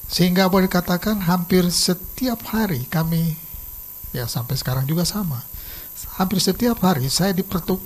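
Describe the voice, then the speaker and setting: A pastor preaching a sermon and telling a personal testimony in a lively storytelling manner, swinging suddenly between soft and loud. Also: male voice, a little high, slightly rough, rough recording. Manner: lively storytelling, acts out quoted dialogue.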